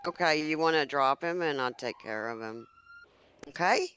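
A woman's voice: deep voice, moderate pace, crowd noise, low-quality recording. A woman role-playing a doctor in a game, teasing others in a breezy way. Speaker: player acting as a hospital doctor. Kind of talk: casual game role-play over voice chat.

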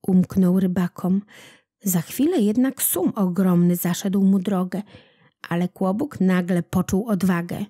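Woman reader for a children's folk-tale audiobook, mellow tone, very slow and deliberate, dry close sound. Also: on the low side, breathy edge, no room sound. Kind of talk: reading a children's legend aloud.

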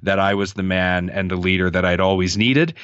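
A man's voice: low voice, steady tone, brisk, a bit bright, clear, resonant tone, dry recording, highs cut off. A man in his thirties answering interview questions in an earnest, reflective way, often restarting his sentences. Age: 30s. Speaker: podcast guest.

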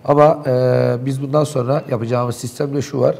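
A man's voice: mid-range voice, fairly even intonation, normal speed, vocal fry, darkish tone. A man in a local TV studio, animatedly and indignantly recounting events in heated talk.

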